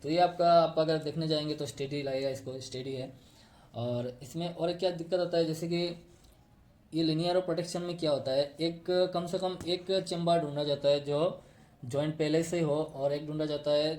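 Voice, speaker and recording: Man, technical tutorial, step-by-step explaining, somewhat high voice. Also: a little mellow. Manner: explains step by step, pointing to a diagram. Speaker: fiber optic technician.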